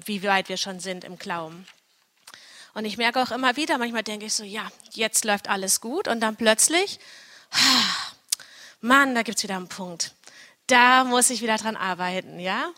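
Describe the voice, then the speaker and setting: A woman's voice: fairly high pitch, bright, forceful tone, long reverb tail. A woman in her thirties gives an earnest, personal Bible teaching, often checking in with "ja?" as she talks.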